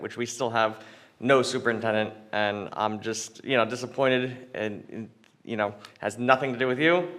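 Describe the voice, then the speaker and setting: A man on a school board speaks up in a public meeting at an ordinary middle pitch. He sounds disappointed, working through his point haltingly with fillers and restarts. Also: a bit bright. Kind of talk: meeting remarks.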